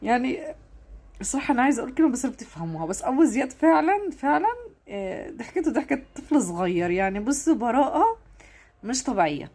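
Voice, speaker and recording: A woman's voice: on the high side, sing-song, fast talker, darkish tone. A woman with an Egyptian accent giving emotional casual vlog commentary, fighting back tears and repeating herself. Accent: Egyptian Arabic. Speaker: online commentator.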